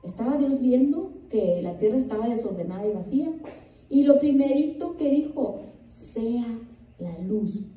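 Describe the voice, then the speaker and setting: High-pitched, mellow-voiced woman pastor preaching. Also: animated, a little slow. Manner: reads scripture aloud and repeats it with emphasis; asks the congregation questions. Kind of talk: sermon. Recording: echoey room, distant mic.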